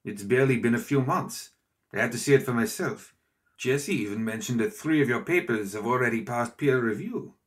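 A man voicing a polite, calculating gentleman visitor who speaks carefully and courteously, in an audiobook. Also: medium pitch, normal speed, pitched above the performer's own voice, natural voice. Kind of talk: audiobook character voice.

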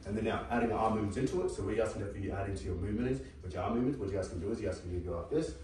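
Brief: low-voiced man, quick casual dance tutor, far from the mic in an echoey, noisy room. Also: darkish tone. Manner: keeps addressing viewers as "you guys", calls out counts. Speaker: dance instructor.

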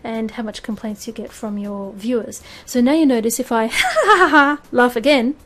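A woman's voice: a little high, normal speed, darkish tone. A woman hosting a casual streaming tutorial, chatty and laughing at herself, on a desk microphone. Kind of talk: casual screen-recorded tutorial. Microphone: desk microphone with audio filters. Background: fan hum and birds.

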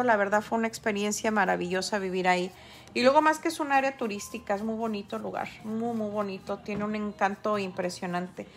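A middle-aged woman, chatting casually with viewers on a livestream while she paints. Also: mid-range voice. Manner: chatty, talks straight to viewers. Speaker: artist livestreaming her painting.

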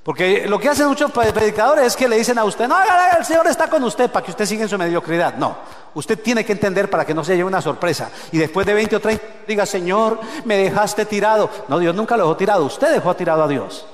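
A male pastor preaching a sermon, swinging between loud shouted peaks and low hushed asides and calling on the congregation to repeat phrases. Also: fast. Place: church sanctuary. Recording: echoey church hall with long reverb.

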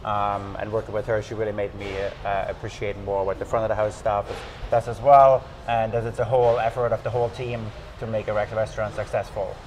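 A man in his thirties with a German accent, an executive chef answering interview questions calmly, with many "uh" and "you know" fillers, in a restaurant booth. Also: lowish voice, a little fast, few pauses, a little hiss or hum, low-quality recording. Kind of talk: casual interview.

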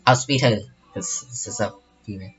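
A man's voice: fairly low pitch, fairly quick, a bit bright, slightly rough, lo-fi sound. A young man commentating his own online game battle in a casual, rambling way, full of fillers and restarts. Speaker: gaming channel host.

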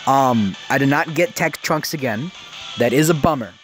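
Young man, late teens, casual gaming commentary, excitable, stuttering, very close to phone mic, faint music behind. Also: mid-range voice, moderate pace. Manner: close to the microphone. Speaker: gaming video maker. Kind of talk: casual live commentary on mobile game summons. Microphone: phone, very close to the mouth. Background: game music.

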